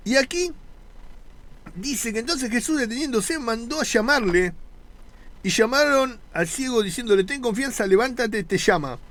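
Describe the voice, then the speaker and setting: A man preaching a sermon, earnest and conversational, with pauses and repeated phrases. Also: extremely high pitch, animated, fairly bright tone.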